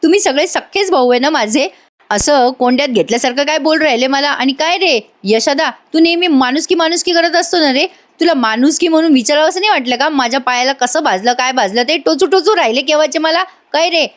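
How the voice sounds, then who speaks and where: A woman's voice: high voice, fairly quick, voice pushed up, close to an everyday voice. A woman voicing a touchy young husband who protests indignantly at his teasing brothers.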